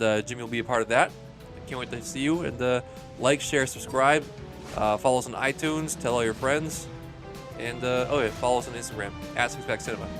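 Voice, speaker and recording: A man hosting a podcast in casual chat, relaxed and joking, sometimes hesitant. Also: medium pitch. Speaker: podcast host.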